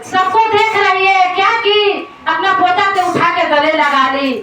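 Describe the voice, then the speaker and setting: High-voiced woman telling a folk story in an echoing room. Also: fairly even intonation, a little slow, sharp tone. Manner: plain, repetitive spoken retelling. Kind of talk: devotional folk story narration. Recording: very echoey, from far off, noisy.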